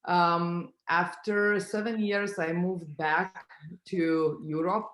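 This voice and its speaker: Middle-aged woman on a video call, talks slow with lots of ums, kinda roomy echo. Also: lowish voice, steady tone, fairly bright tone. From Lithuania. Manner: unhurried, pausing often with fillers. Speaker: guest speaker. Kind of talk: online conference talk.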